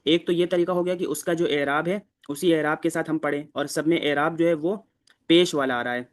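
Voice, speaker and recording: A man teaching a class in a fairly high voice. He explains each step slowly and with patience, as in an ordinary classroom lesson. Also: steady tone. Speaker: Arabic teacher.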